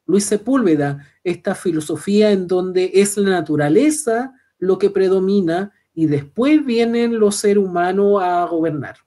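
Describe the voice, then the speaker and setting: A man with a Chilean accent co-hosting a literary program, explaining a novel in a steady, explanatory way. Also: sits high, unhurried, few pauses. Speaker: co-host. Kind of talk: literary discussion.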